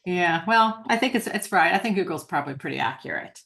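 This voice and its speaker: Gravelly older woman chatting in class. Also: on the low side, animated, brisk, a bit bright. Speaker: group member. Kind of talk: casual group discussion.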